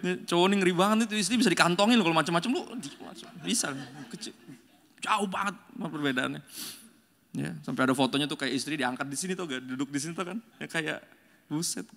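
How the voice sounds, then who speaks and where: A man preaching a sermon with a bright, forceful edge to his voice that sits a little high for a man. He keeps it loose and playful, slipping into slang and acting out little quotes as he goes. He sounds like a pastor telling stories to drive his point home. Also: fast, vocal fry. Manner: joking, slangy storytelling with acted-out quotes.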